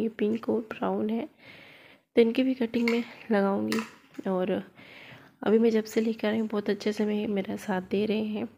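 Holding her phone in one hand, a woman vlogger plants cuttings in her home garden and chats to viewers as if they were friends. Her mid-range voice has vocal fry and a dark tone, with slight background noise in this casual gardening walkthrough.

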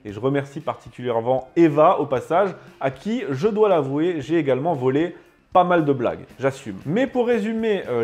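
A man delivering a scripted opinion piece with biting sarcasm and heavy emphasis. His voice sits at an ordinary middle pitch for a man. He speaks as a show host, scornful and pointed. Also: darkish tone. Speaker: show host reviewing a series.

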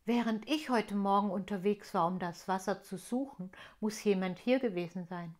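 A woman reading aloud, voicing a sad male elf from a children's storybook in a plain, gentle voice. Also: mid-range voice, normal speed, natural voice.

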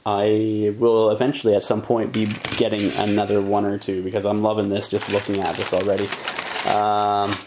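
A man's voice: on the low side, background noise. A man, a hobby channel host, unboxing and chatting casually with rambling enthusiasm and plenty of filler words. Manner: rambling, enthusiastic, many ums and likes.

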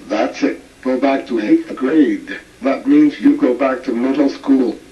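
A man's voice: mid-range voice, unhurried, highs cut off, lightly acted. Synthetic male voice as a fed-up stern teacher. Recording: echoey, distant TV-speaker sound.

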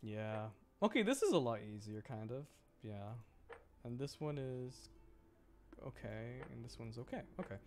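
This streamer, a young man, narrates his gameplay casually, muttering and exclaiming in frustration. His mid-range voice has a sing-song, darkish quality, moving a little slowly with frequent pauses, and faint music plays behind him.

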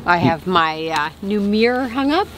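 A woman's voice: medium pitch, animated, moderate pace. Woman, 40s, vlogger, casual chat, laughs easily, small camper, handheld camera, faint background noise. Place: small camper trailer at night. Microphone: handheld camera close up.

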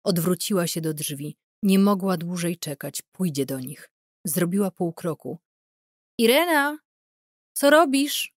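A woman reading a wartime novel as an audiobook narrator, in a calm, measured, dramatic way. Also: lowish voice, breathy edge, dry recording, studio quality.

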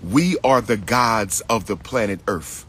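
Holding a phone at arm's length in an outdoor park, a middle-aged man delivers an impassioned selfie-video monologue, lecturing his followers. His voice is fairly low, husky and fairly bright, animated though a little slow, and his preachy, emphatic, repetitive speech rises into declamation.

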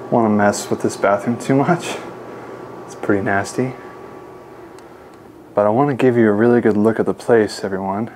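A young man casually narrating a walkthrough of an empty mansion, talking to his viewers with excitement. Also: lowish voice, a little hiss or hum. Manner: excited, addresses viewers as guys. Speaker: urban explorer vlogger. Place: large empty mansion indoors.

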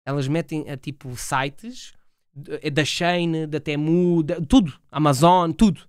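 A young man from Portugal with a European Portuguese accent, streaming and reacting to clips in loud, excitable, swearing casual chat. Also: a little high, slow, smooth, no echo, studio quality.

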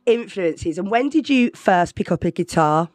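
Give me an upbeat woman presenter on live radio, animated and enthusiastic, recorded dry. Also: fairly low pitch, moderate pace, no echo. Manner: upbeat, gushing, hypes things up. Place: radio studio.

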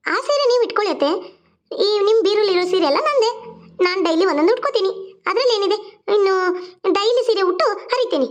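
A woman's voice: very high-pitched, lively intonation, quick pace, long pauses, lo-fi sound. A woman voicing an indignant young daughter-in-law in a cartoon, scolding. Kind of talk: cartoon voice acting.

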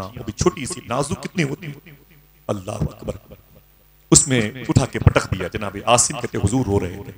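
A male Islamic preacher telling an emotional story as a sermon, in an impassioned, rhythmic declamation with pious exclamations. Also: fairly low pitch.

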